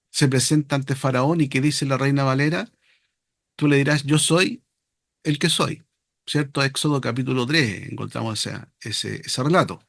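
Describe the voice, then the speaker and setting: A man's voice: medium pitch, dry recording, studio quality. A man teaching a seminary class on biblical Hebrew, speaking off the cuff, often stopping on fillers and repeating words.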